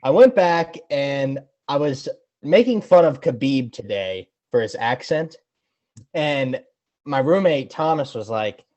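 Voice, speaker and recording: Rambling, animated young man. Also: medium pitch, slow. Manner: animated storyteller, rambling, self-deprecating. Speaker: podcast co-host. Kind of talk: casual podcast chat.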